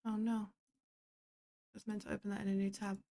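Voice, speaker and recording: Gravelly chatty woman streamer. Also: mid-range voice, flat delivery, moderate pace, mellow. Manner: chatty, swearing, sarcastic asides. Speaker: streamer organizing a game event. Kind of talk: casual commentary while working on a computer.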